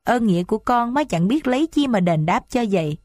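A woman's voice: a little high, expressive, brisk, a little mellow, no room sound, clean studio sound, natural voice. A woman voicing an older mother of a noble house in a read-aloud story, emotional and stern. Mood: grateful. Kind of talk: audiobook character reading.

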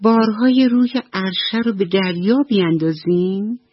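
A woman's voice: lowish voice, lively intonation, husky, no room sound, muffled recording. A woman voicing Fereshteh, a polite and eager new girl fish in class. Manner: polite, enthusiastic.

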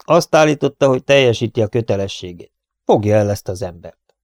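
Egy férfi, aki egy indulatos, fenyegető öreg farmert szólaltat meg egy hangoskönyvben, parancsoló, nyers modorban. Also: male voice, fairly low pitch, animated, darkish tone, dry recording, clean studio sound, close to an everyday voice. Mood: menacing. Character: old hot-tempered male rancher, threatening.

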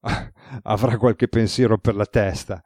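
A cheeky male friend who keeps teasing, voiced by a man reading a novel aloud. The tone is mellow and warm. The recording is close and dry. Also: on the low side, steady tone, measured pace, no echo. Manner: teasing, laughing.

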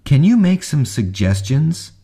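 A man reading example sentences and words aloud for a radio lesson, with careful, deliberate pronunciation. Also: on the high side, sing-song, warm tone, breathy edge. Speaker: model reader for lesson.

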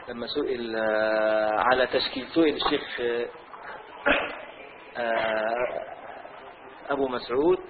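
A man with an Egyptian accent teaching a class on a classical law text. He reads a passage aloud, then explains it slowly with many repetitions. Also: mid-range voice, slight background noise. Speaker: religious teacher. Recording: tinny phone-like audio.

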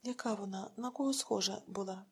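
Sharp-tongued village wife, curt, harsh, read by a woman, slightly husky. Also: mid-range voice, a little fast.

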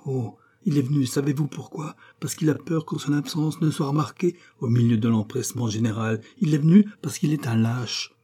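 A man's voice: medium pitch, moderate pace, few pauses, dark tone, breathy edge, natural voice. Man voicing a scornful, bitter queen. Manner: indignant, cutting. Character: proud, bitter queen, middle-aged woman.

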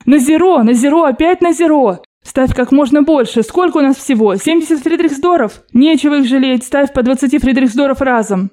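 An excitable old grandmother, bossy and loud, barking orders in a shrill, urgent voice, as a woman reader puts her on. Her tone is raised and mellow at once, in an audiobook reading. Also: fairly quick, hardly any pauses, natural voice.

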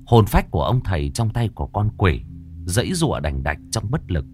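A man's voice: deep voice, very animated, a little fast, over music. A man narrating a scripted ghost story in a dramatic, vivid way.

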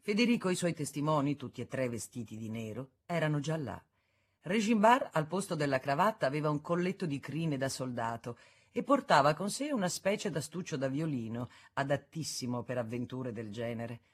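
Husky woman reading a novel aloud. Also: sits low. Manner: measured, expressive reading. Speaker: audiobook reader. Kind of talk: scripted literary narration.

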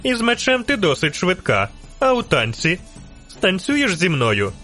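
A man's voice: sits high, huge pitch swings, unhurried, sharp tone, pitched above the performer's own voice, exaggerated voice. A bold young elf woman, played by a male narrator, calls out in a raised, lifted voice, commanding and teasing by turns. Faint music plays under the storybook reading. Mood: rousing.

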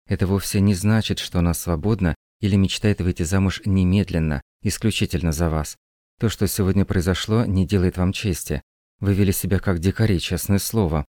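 A man voicing a composed young woman in an audiobook, speaking calmly and firmly. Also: low-pitched, no room sound, clean studio sound, lightly acted. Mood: lecturing. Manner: calm, measured, firm. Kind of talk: audiobook reading.

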